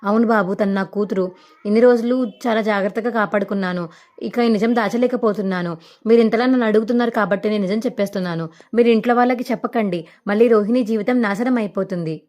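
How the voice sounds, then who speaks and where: A woman's voice: medium pitch, fast, darkish tone, lightly acted. A woman telling a serial's story, voicing a worried older mother who reveals her daughter's secret. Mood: confessing.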